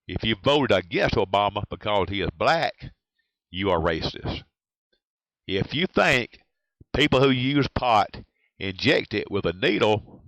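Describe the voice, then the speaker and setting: A man's voice: lowish voice, creaky, a bit bright, no room sound, rough recording. A man with a Southern US accent delivering a blunt, provocative scripted monologue as an aspiring talk radio host. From USA. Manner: blunt, provocative, list-like repetition.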